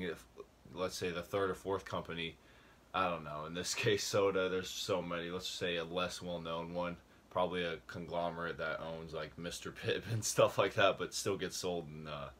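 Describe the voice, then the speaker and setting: Young guy with a really low voice chatting about a book, kinda rambly, bit out of breath. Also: fairly even intonation, normal speed, fairly bright tone. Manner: rambling, with filler words and restarts. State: a little out of breath. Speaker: book review vlogger. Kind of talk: casual video talk.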